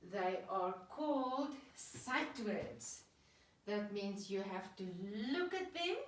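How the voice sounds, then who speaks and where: A woman's voice: medium pitch, a bit bright, slight background noise. A woman teacher giving a children's reading lesson, patiently sounding out and clapping words. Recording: echoey room, voice from a distance.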